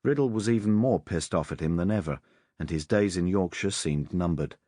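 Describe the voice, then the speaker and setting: A man narrating a crime novel audiobook in a measured, expressive storytelling manner. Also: low-pitched, dry recording, clean studio sound.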